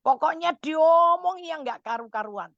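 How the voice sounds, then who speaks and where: A woman's voice: high voice, expressive, measured pace, creaky, dry recording, muffled recording. Woman giving motherly radio counsel.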